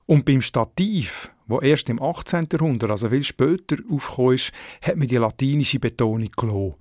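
A man's voice: medium pitch, lively intonation, a little fast, darkish tone, dry recording. A man with a Swiss German accent, a radio dialect editor, patiently and methodically explaining word stress to listeners in a studio.

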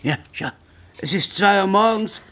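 A performer playing a sleepy, timid elderly husband who mumbles slowly in a radio play. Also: male voice, high voice, expressive, pushed and bright. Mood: irritated. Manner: drowsy, mumbling, slow.

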